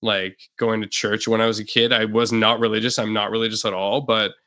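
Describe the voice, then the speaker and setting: A young Canadian musician, guesting on a podcast, speaks a little fast in a lowish voice. The casual interview chat is relaxed and loose, rambling along with lots of fillers.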